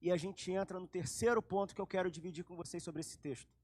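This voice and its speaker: Male pastor, highish voice, dramatic sermon delivery. Dry, close recording. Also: fast, slightly rough, no room sound. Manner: animated, dramatic storytelling.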